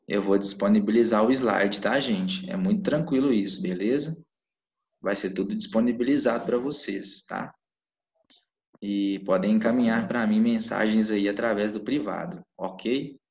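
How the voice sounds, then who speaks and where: A man's voice: fairly low pitch, moderate pace, a little mellow. A man teaching a live online class, checking in with his students with "né?" and "tá?" as he explains. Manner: explains with frequent "né?" and "tá?" check-ins. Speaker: Portuguese teacher. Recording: echoey room, dull lo-fi mic.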